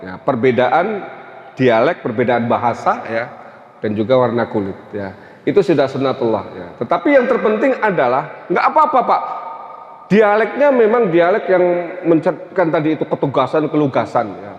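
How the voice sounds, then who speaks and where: Tegal Javanese preacher in an echoey mosque. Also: male voice, a little high, very animated, normal speed. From Tegal, Central Java. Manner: conversational, many "ya" and "Pak" tags. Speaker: Islamic teacher. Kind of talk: religious lecture. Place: mosque hall. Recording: echoey hall, dull sound.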